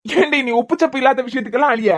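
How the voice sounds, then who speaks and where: A woman voicing a devoted young husband who is a hospital head, speaking in a Kanyakumari Tamil accent, bantering fast and turning stern at times. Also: sits high. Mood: teasing. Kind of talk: cartoon web series voice acting.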